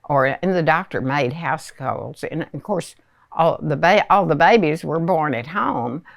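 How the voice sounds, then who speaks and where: A very old woman in her nineties with a Southern US accent, reminiscing in a hesitant, unhurried storytelling way with many pauses. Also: low voice, animated, gravelly, dry recording, clean studio sound. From rural Arkansas, United States. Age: 90s, very old. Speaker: elderly interviewee recalling childhood. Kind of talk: reminiscing oral history.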